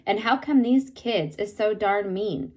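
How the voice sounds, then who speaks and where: A woman's voice: mid-range voice, measured pace, lightly acted. A woman voicing a friendly, talkative country boy from Arkansas with a folksy Southern drawl. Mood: eager.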